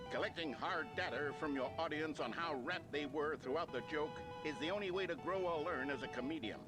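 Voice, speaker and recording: An actor playing an upbeat male instructional video announcer, with a brisk, cheerful presenter delivery. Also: on the high side, natural voice. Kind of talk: mock instructional video narration. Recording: loud music bed under the voice.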